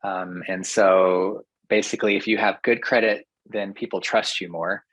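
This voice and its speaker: A man, a professor, explaining ideas to a podcast host in a thoughtful, measured way with occasional fillers. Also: low voice, steady tone, a bit bright, no room sound, low-quality recording. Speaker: professor guest. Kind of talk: explanatory interview talk.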